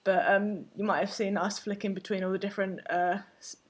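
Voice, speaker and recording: Her medium-pitched voice, with a breathy edge and little pitch movement, moves fairly quickly as she chats casually during a live painting stream. The host, from a Finnish family, laughs frequently and now and then loses her train of thought while working.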